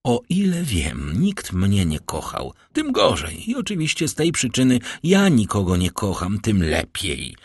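A man's voice: fairly low pitch, wildly swooping pitch, measured pace, hardly any pauses, slightly rough, dry recording, studio quality, heavily acted. A man voicing a proud, scornful young woman who defies her father, in an audiobook reading. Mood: haughty defiance. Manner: cold, haughty, defiant.

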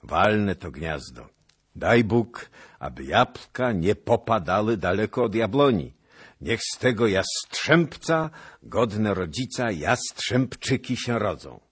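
A man voicing a commanding middle-aged prince who speaks in a lordly, booming way. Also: sing-song, takes it slowly, slightly rough, heavily acted.

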